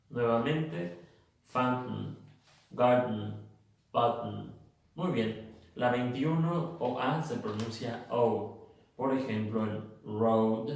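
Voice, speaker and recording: A man with a gravelly voice teaches pronunciation at an unhurried pace, spelling out letters and repeating example words patiently. He sounds set back from the mic in a very echoey room. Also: medium pitch, a little mellow, far from the mic. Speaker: English teacher. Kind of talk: pronunciation lesson.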